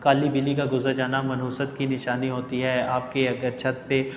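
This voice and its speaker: A male teacher in a book-reading lesson. He reads English lines slowly, then explains the meaning of each word at length. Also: mid-range voice, completely flat delivery, reverberant, big-room sound, slight background noise.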